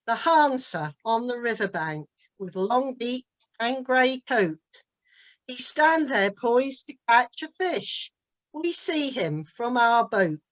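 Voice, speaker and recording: A woman with a Norfolk accent reciting her own dialect poem in a measured lilt. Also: fairly high pitch, very animated, rough recording. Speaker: dialect poet. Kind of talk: poetry recitation.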